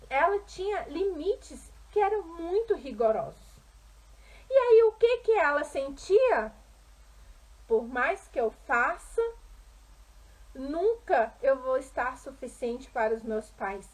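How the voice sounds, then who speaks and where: A woman with a Brazilian accent, working as a couples therapist, explains emotional patterns in an expressive way, often asking rhetorical questions. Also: high-pitched, low-quality recording. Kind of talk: explanatory talk to camera.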